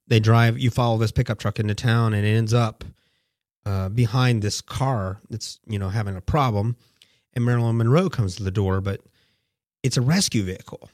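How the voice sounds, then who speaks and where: A man's voice: on the low side, no room sound. A man chats animatedly about films on a radio show, acting out bits as he goes. The studio sound is dry and close. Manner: animated, acts out scenes. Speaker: radio film review host. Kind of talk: casual radio chat.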